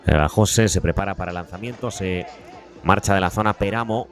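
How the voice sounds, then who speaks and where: A man giving live beach soccer play-by-play as a commentator, with breakneck goal commentary and drawn-out, repeated goal calls. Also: deep voice, faint music behind. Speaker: sports commentator.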